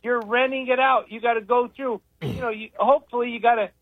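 A man's voice: very high-pitched, steady tone, brisk, no room sound. Older man, tinny radio, rambling opinions. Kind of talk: casual radio talk. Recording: tinny phone-line radio sound, dry.

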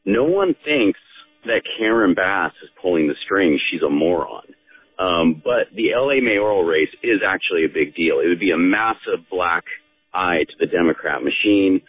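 Deep, husky American caller on phone. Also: male voice, animated, moderate pace. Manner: irritated, insistent. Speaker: radio call-in listener. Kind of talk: opinionated political talk. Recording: tinny phone line.

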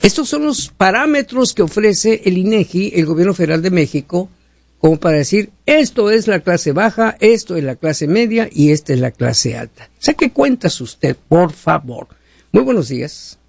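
A man hosts a call-in show and hands out direct financial advice. His voice sits a bit high with gravelly grit. The sound is dry and close. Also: big pitch swings, normal speed, darkish tone, no room sound. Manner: direct, advising, rhetorical. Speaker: radio advice host.

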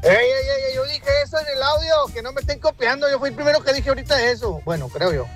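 A man's voice: very high voice, lively intonation, fast talker, a bit bright, faint music behind. A man with a Mexican accent, calling into a radio show and speaking in a slangy, chummy way. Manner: slangy, chummy, keeps saying "carnal". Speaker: caller.

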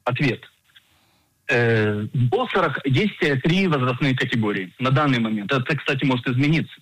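A man in his forties, an insurance agent and financial planner, explaining coverage in a radio interview in a measured way with frequent hesitations. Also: medium pitch, animated, fairly bright tone, no echo, rough recording.

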